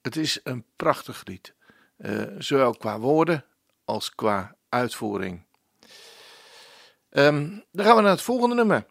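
Slow gravelly guy hosting a hymn radio show, voice rises and falls a lot, devout and unhurried. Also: medium pitch, big pitch swings, no room sound, studio quality. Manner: unhurried, devout, with frequent hesitations. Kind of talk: radio music presenting.

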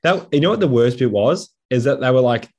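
A man co-hosting a gaming podcast in casual chat, talking in an earnest, deliberate way. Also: mid-range voice, expressive, darkish tone, slightly rough. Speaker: podcast co-host.

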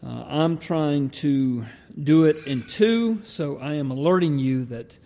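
A man preaches in a Georgia drawl, his voice mellow and slightly high for a man. He delivers his sermon deliberately, with halting pauses. The sound rings with the long reverb of a large hall. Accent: Southern US, Georgia drawl. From Georgia, United States. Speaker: pastor.

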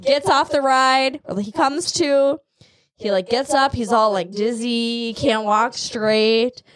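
A woman in her thirties, a mother chatting casually with her kid, blunt and quick to act out what people said. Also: on the high side, no room sound. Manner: chatty, blunt, acts out quotes dramatically. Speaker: mother and podcast host. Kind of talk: casual family chat.

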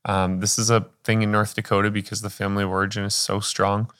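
Deep-voiced man co-hosting. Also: flat delivery, fast talker, a bit bright. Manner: joking, talks through thoughts. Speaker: podcast co-host and pastor. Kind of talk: casual chat.

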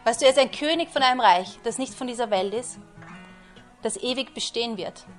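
A woman's voice: fairly high pitch, fairly quick, soft background music. A woman preaching a conversational sermon who keeps asking her listeners rhetorical questions. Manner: chatty, asks listeners rhetorical questions, often says "you know".

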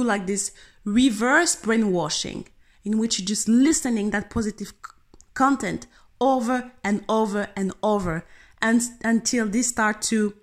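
Earnest woman giving a motivational talk. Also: mid-range voice. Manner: earnest, animated, speaks directly to the listener. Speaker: tennis coach.

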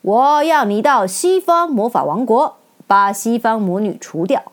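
A woman voicing a majestic, stern giant head who speaks slowly and commandingly in a children's storybook reading. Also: fairly high pitch, expressive. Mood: imposing. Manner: slow, loud, commanding.

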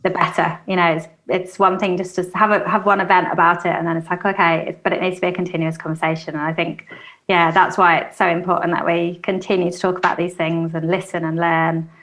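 A woman's voice: on the low side, level tone, fast, fairly bright tone, low-quality recording. A woman from England hosting a conversational interview, chatty and agreeing with her guest. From United Kingdom. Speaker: interview host.

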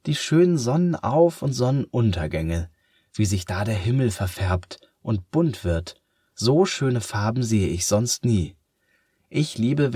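Mann spielt einen ernsthaften kleinen Jungen. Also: male voice, fairly low pitch, mellow, slightly rough, dry recording, studio quality, pitched above the performer's own voice. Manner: earnest, lifted voice. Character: earnest young boy, Helena's brother.

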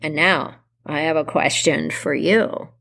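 A woman voicing Baba Yaga, a menacing old witch who eats people, speaking slowly and drawing out her words, with shrieks in her anger. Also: sits low, fairly even intonation, creaky, fairly bright tone, voice pushed down, heavily acted. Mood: sly menacing. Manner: slow, drawn-out, shrieking when angry.

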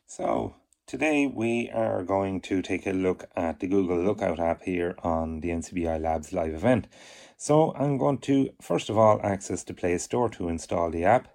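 A man presenting a step-by-step software demonstration in a measured, methodical way. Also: sits low, gravelly. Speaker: tutorial presenter.

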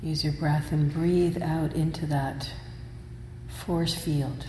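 A woman teacher leading a guided meditation, speaking in slow, measured, soothing instructions with long pauses. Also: deep voice, steady tone, a little mellow. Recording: roomy hall reverb, faint noise.

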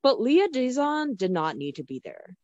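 A woman co-hosting a casual chat, opinionated and quick, on a dull lo-fi recording. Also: fairly high pitch, big pitch swings, darkish tone, no room sound. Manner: opinionated, quick, laughs easily. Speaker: podcast co-host. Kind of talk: casual chat about Japanese pop music. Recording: dull lo-fi sound.

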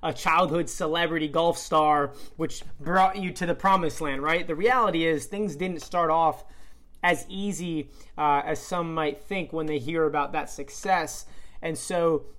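A man's voice: fairly high pitch, steady tone, a little slow, fairly bright tone. A man hosting a podcast in a casual interview, earnest and rambling with many fillers. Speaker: podcast host.

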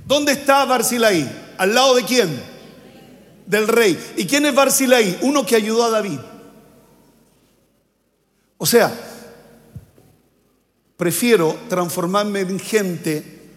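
A man's voice: high voice, animated, slow pace, pauses often, fairly bright tone. An older man preaching a sermon as pastor, leading call-and-response with his congregation in a church sanctuary. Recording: long hall reverb from a church sanctuary.

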